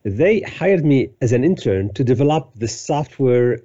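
A man's voice: medium pitch, animated, measured pace, warm tone, lo-fi sound. A man in his fifties from Lebanon, a company CEO telling his career story as a podcast guest in a detailed, conversational way. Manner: detailed storytelling with frequent fillers. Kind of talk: conversational interview answers.

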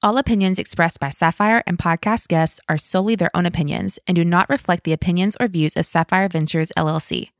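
A woman's voice: on the low side, brisk, hardly any pauses, no room sound. A woman reading a podcast's scripted intro and disclaimer, polished and upbeat. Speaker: podcast announcer. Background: faint music.

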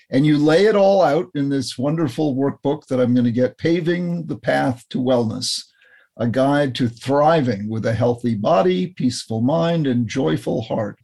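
Affirming male psychiatrist interviewer. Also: medium pitch. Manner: warm, affirming, frequent agreement. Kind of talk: conversational interview.

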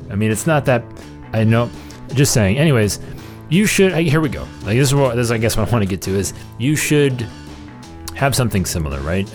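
A man's voice: lowish voice, a little mellow. A man hosting a podcast with casual conversational commentary, rambling and interrupting himself as he emphasizes his points. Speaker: podcast host.

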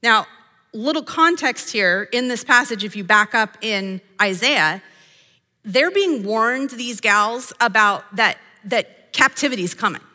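Pitched on the high side, this woman speaks unhurriedly with lively intonation, her pushed, bright voice filling a large hall. She's a podcast host and Bible teacher leading women through scripture, earnest and emphatic, reading verses and quoting imagined voices.

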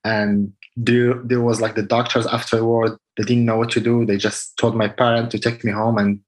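A Moroccan athlete, a guest in a casual interview, tells his story earnestly, using many fillers and simple non-native phrasing. His medium-pitched voice is flat in delivery and moves at a normal speed.

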